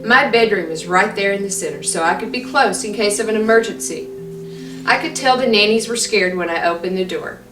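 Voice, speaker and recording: A woman from Tanzania who volunteered as an EMT tells her story in an earnest, measured way to ask for support. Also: medium pitch. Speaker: volunteer EMT making a fundraising appeal. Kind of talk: personal storytelling appeal. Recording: roomy, distant mic, music behind. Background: music.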